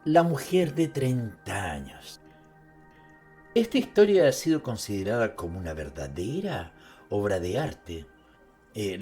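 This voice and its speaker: This narrator has a fairly low, darkish voice and presents an author's life and works as a dramatized literary piece. He talks to the listener directly, slipping in conversational asides, with music running underneath.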